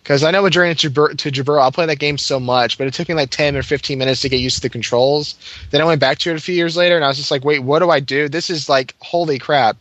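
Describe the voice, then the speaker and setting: A man's voice: fairly high pitch, rapid-fire, fairly bright tone, no room sound, muffled recording. Rambling man with a dry, close sound. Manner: rambling, many fillers and restarts. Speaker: podcast co-host. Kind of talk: casual chat about video games.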